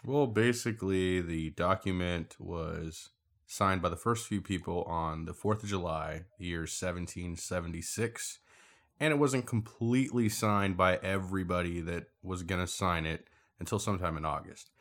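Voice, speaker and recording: A man's voice: low voice, moderate pace, fairly bright tone. A man from Puerto Rico, a podcast guest, talking in a dry, teasing, matter-of-fact way. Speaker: guest, host's older brother. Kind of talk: casual podcast chat.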